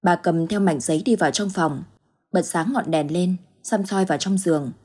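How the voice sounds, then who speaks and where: A woman narrating a ghost story in steady, measured scripted storytelling. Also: fairly low pitch, breathy edge.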